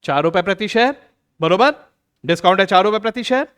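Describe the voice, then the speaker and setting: A man teaching an accounts lesson, acting out teacher and student and slowing down to stress key rules. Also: sits high, clear, resonant tone. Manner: lively, plays both teacher and student in little dialogues. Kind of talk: classroom lecture.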